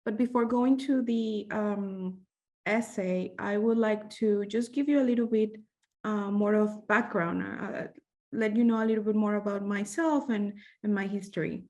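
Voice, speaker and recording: A young woman from Venezuela with a Venezuelan Spanish accent, a medical fellow presenting at a webinar, speaking haltingly with many fillers and restarts. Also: medium pitch, fairly even intonation, a little mellow. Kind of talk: conference presentation.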